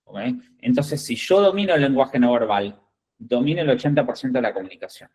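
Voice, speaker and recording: Un hombre con acento argentino, reclutador de ejecutivos, da una charla instructiva a candidatos con tono directo y enfático, y comprueba a menudo con "¿bien?" que le siguen. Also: male voice, mid-range voice, expressive, brisk, a little mellow, low-quality recording. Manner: direct, emphatic, checks in with "¿bien?" and "¿ok?". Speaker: executive recruiter. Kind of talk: instructive talk to job candidates.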